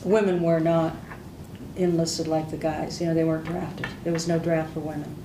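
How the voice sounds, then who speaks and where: An older woman whose native language is Hungarian speaks candidly and plainly about her time in service during an oral history interview. Her voice is low with little pitch movement, at a normal speed. The mic is distant, picking up background noise and a roomy echo.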